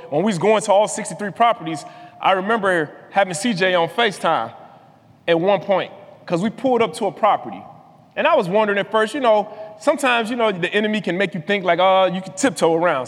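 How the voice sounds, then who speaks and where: A man's voice: high-pitched, fast talker. A man co-hosting a podcast, telling an emphatic story in casual chat and repeating points for weight. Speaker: podcast co-host. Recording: long hall reverb.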